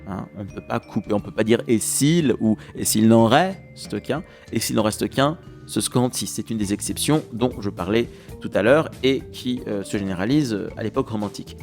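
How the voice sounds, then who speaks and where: Man teaching verse rhythm. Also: fairly low pitch. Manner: lively, scans verse aloud, counting beats. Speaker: French literature teacher. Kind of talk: exam-prep lesson on verse rhythm.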